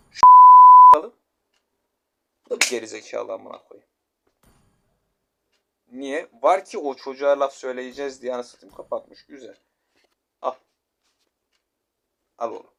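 A man's voice: fairly high pitch, gravelly, sharp tone. A man ranting and swearing while commenting on his mobile game match, repeating himself as he complains. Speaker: gamer. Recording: noisy gameplay recording.

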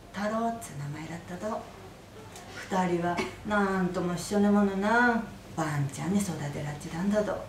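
A woman storyteller with an Aizu Fukushima dialect telling a traditional folk tale in a gentle, rhythmic way at an inn hall gathering. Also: fairly low pitch. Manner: gentle, rhythmic with repeated sentence-final "dato". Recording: roomy hall from a distance, faint noise.

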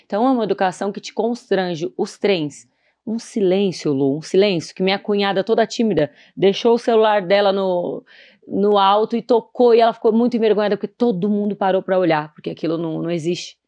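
A woman, a podcast guest chatting casually in a soft-spoken, thoughtful way. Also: medium pitch, brisk. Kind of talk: casual chat.

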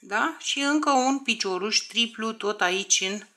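A woman's voice: on the high side, lively intonation, pushed and bright. A woman teaching a crochet tutorial step by step, counting stitches aloud, often under her breath, and checking in with viewers.

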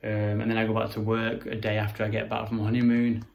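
Indoors with a handheld camera or phone at arm's length, a man in his thirties leads a meandering, matter-of-fact tour of a house for his home renovation vlog. His lowish voice is gravelly yet a touch mellow, monotone, and quick. There is noticeable background noise in the recording.

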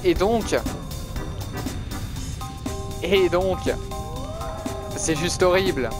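Young guy slowly thinking out loud while he plays, kinda hesitant, fairly high voice, music going behind him. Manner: musing, hesitant, chuckles to himself. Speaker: gaming YouTuber. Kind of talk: relaxed gameplay commentary.

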